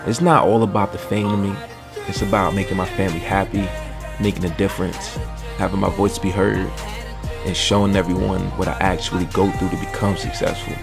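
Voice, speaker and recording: A man's voice: low voice, fairly even intonation, fairly quick, vocal fry, loud music behind the voice. A young American man talking casually to camera as an actor and filmmaker making a vlog. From New York area, United States. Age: young adult. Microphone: phone at arm's length.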